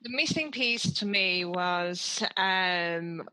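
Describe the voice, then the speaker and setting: A woman's voice: on the low side, drawn-out words, noisy background. A woman with a British accent, guest hosting a talk radio show and earnestly telling her personal story. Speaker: guest host.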